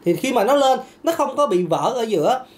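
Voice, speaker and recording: A man's voice: very high-pitched, expressive, moderate pace, heavy background noise. A man, a singing teacher answering viewer questions in a casual lesson, chatty and repetitive, laughing now and then. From Vietnam. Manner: chatty, repeats words, laughs often, demonstrates notes.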